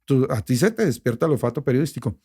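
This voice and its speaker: A middle-aged man with a Bogotá Colombian accent, a radio journalist telling a personal story in an interview, emotional and animated, with many restarts. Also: mid-range voice, quick pace, slightly rough. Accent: Bogotá Colombian Spanish. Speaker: radio journalist and station director.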